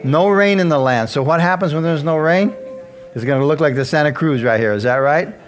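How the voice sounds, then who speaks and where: A man's voice: fairly high pitch, brisk, soft background music. A male pastor preaching a sermon, chatting with the congregation, chuckling and asking them questions as he reads scripture.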